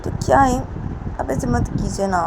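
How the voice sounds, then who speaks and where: A woman voicing a protective mother who pleads and tries to calm others, repeating her requests. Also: a little high, moderate pace, vocal fry, noisy background, voice pushed up. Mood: pleading.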